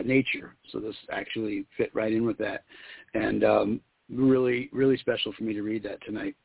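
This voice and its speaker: Radio show caller, man, gravelly husky voice, dry tinny phone line, excited rhythmic talk. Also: lowish voice, no room sound. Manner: excited, quick, rhythmic talker. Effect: calling in over a phone line. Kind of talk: casual on-air chat.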